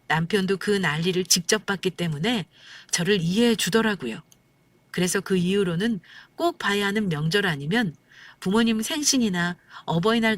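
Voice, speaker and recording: Calm woman narrating a story. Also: mid-range voice, no room sound. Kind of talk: scripted first-person story narration.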